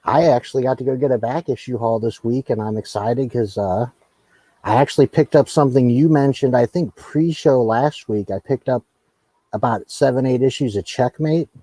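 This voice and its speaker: Mellow-voiced easygoing man hosting a live chat. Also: medium pitch, moderate pace, no room sound, low-quality recording. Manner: easygoing, repeats words as he talks. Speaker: host. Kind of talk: casual chat on a live comics show.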